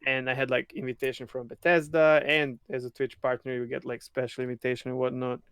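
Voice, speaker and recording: Man from serbia, excitable podcast co-host, clear smooth voice, dry sound. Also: medium pitch, brisk, dry recording. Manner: excitable, laughing often. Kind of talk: casual gaming podcast chat.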